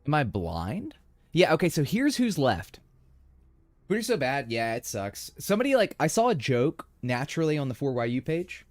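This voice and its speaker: A man's voice: mid-range voice, wildly swooping pitch, normal speed, dry recording. A young man streaming a game, chatting playfully with his viewers. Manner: playful, chatty, addresses chat. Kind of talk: casual live-stream commentary.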